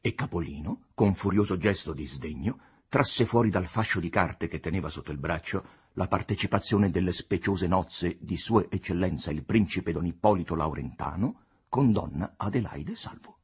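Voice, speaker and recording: A man narrating a literary novel in an expressive, dramatic reading style. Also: low voice, normal speed, breathy edge. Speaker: audiobook narrator.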